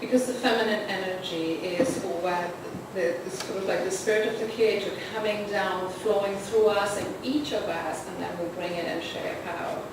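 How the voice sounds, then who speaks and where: A woman's voice: mid-range voice, steady tone, moderate pace, hardly any pauses. A woman hosting a poetry reading and slideshow, introducing the evening in an earnest, somewhat rambling way. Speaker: host and anthology editor. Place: literary arts center event hall. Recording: roomy, distant, noisy hall recording.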